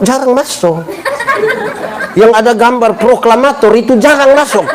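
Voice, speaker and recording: High-voiced preacher. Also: male voice. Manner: humorous, quizzes the congregation with call-and-response questions. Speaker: pastor. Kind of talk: live sermon. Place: church service. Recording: live church recording with congregation and room noise.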